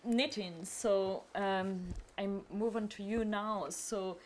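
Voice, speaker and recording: A woman moderates a conference panel, introducing a speaker and asking a long question. She hesitates often, circles back over her words, and keeps her pitch in a middling range, with a faint hum of the room underneath. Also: fairly even intonation, slow pace. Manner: hesitant, frequent fillers, rambling questions. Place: conference hall.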